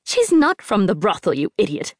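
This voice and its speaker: A harsh middle-aged foster mother barks short, cold orders through clenched teeth, as a woman reading an audiobook voices her. The tone is curt and hard, with a husky, breathy edge. The sound is close and dry. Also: on the high side, wildly swooping pitch, unhurried, no room sound, voice pushed up, full character voice. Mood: snapping. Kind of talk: audiobook character voice.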